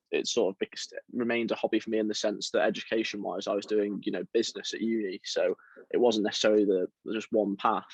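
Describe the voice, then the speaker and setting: A young man from around Liverpool, chatting as a football writer guest in a relaxed, self-deprecating way with lots of fillers. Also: fairly low pitch, breathy edge, dry recording, highs cut off. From England, around Liverpool. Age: young adult. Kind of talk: casual interview chat.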